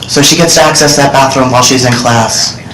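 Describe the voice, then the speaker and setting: A middle-aged man testifies to senators from a desk microphone in a large hearing room, speaking earnestly and directly. His voice is mid-range and fairly even in intonation, his pace fairly quick, and a crowd can be heard behind him. The roomy hearing-room audio suits this public testimony from a witness.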